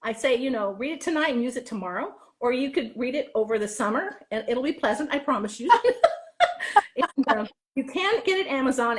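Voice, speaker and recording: Guesting on an interview, an author and drama teacher talks in a high voice with a chatty, animated, casual manner. When she quotes someone, she acts the dialogue out.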